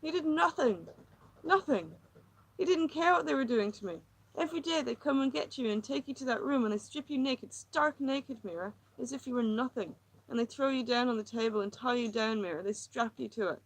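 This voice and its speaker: A woman's voice: fairly quick, few pauses, poor audio. A woman voicing a frantic rambling housewife. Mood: anguished. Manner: rambling, pleading, voice climbing high. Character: anxious troubled housewife, rambling and wounded.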